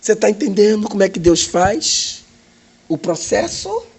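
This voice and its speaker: A man's voice: high voice, very animated, normal speed, vocal fry, a little mellow. A man, an evangelist telling his testimony dramatically and acting out the other people in it. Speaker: evangelist, podcast guest. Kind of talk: animated testimony storytelling.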